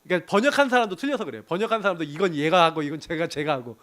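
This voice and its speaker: A middle-aged man preaching to a young adults group, telling animated stories and often laughing. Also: fairly high pitch, very fast. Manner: animated storytelling with laughs and acted quotes. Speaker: pastor.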